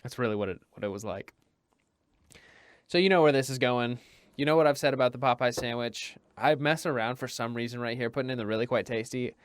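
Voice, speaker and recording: Young male food reviewer, fast and chatty, self-mocking, clean dry voice-over. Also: mid-range voice, clear, resonant tone, no room sound. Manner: self-deprecating, chatty, rambling with restarts. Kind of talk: casual voice-over commentary.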